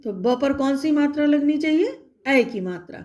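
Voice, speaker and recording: Patient woman teacher for young children; voice on the high side, careful step-by-step delivery. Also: expressive, mellow. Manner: patient, slow spelling-out of letters and vowel signs, frequent check-ins. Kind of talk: recorded online class for young children.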